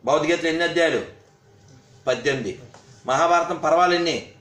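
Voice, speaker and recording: A man's voice: fairly high pitch, fairly quick, a bit bright. A man giving a scolding religious talk, firing rhetorical questions at his listeners. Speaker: religious speaker. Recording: roomy echo.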